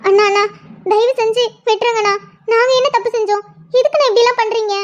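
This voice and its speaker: A woman voices a frightened young woman held hostage in a cartoon, pleading for mercy. The voice is extremely high and thin, and the recording is dull and lo-fi. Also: steady tone, quick pace. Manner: pleading, tearful begging. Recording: dull lo-fi sound.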